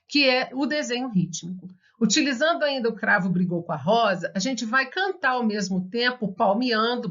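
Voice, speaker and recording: A woman's voice: on the high side, fairly bright tone. A woman with a Brazilian Portuguese accent, giving an online music lesson for teachers, explaining step by step and singing children's songs as she claps. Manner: explains slowly, sings children's songs while clapping. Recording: dull lo-fi recording.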